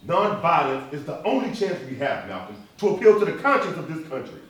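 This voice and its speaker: An actor playing an earnest, dignified preacher and civil rights leader on stage, speaking in a measured, emphatic cadence with repetition. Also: male voice, fairly high pitch, big pitch swings, a bit bright. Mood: firm, protesting. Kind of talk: live stage play acting. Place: stage in a reverberant room, recorded from afar. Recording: echoey hall, distant microphone.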